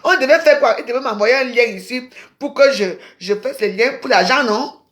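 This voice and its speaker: A woman, chatting on a casual phone livestream in an excitable, rambling way with sudden exclamations. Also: a little high, moderate pace. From Cameroon. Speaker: live streamer. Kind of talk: casual Facebook live chat.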